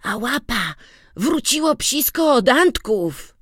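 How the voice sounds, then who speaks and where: A narrator voicing a young farm boy who speaks in high, eager exclamations, in an audiobook. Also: very animated, slow, a bit bright, dry recording, clean studio sound, full character voice. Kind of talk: audiobook reading.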